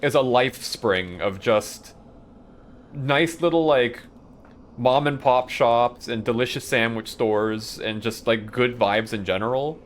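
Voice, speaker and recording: Speaking slowly at a medium pitch, this young man chats through a live game stream in a loose, profane, wandering way, laughing often. There's a little hiss or hum on the recording.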